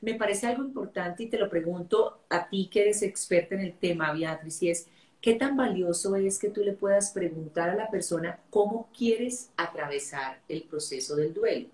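A woman's voice: lowish voice, moderate pace, darkish tone. A woman interviewing a guest, affirming what she hears and thinking aloud as she builds her questions. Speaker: interviewer, host. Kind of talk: interview conversation. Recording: roomy echo.

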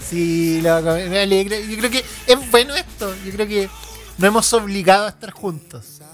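A man's voice: sits high, moderate pace, fairly bright tone, faint music behind. A Chilean man co-hosting a podcast, chatting casually in slang and laughing often. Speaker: podcast co-host. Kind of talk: casual chat.

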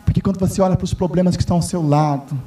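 A male pastor preaching a sermon in a church, emphatic and repetitive, building up to shouts. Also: high voice, steady tone, very fast. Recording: distant mic with faint music.

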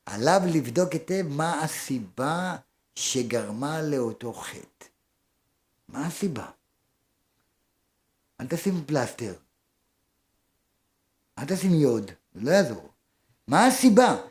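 A man giving a rabbi's Torah lesson, asking the listeners rhetorical questions and swinging between raised and hushed speech. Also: on the high side, sing-song, pauses often.

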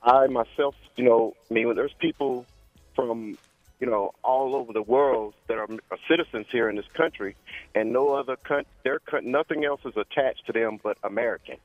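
Guy on a tinny phone line, halting, lots of you know, faint music behind. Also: medium pitch, dry recording. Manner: hesitant, searching for words. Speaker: caller. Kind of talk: call-in radio talk.

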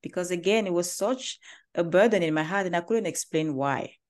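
A woman from Cameroon with a Cameroonian accent, a company founder talking about her life in an interview, earnest and quick to laugh lightly. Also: fairly low pitch. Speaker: guest, agency founder. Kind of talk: interview conversation.

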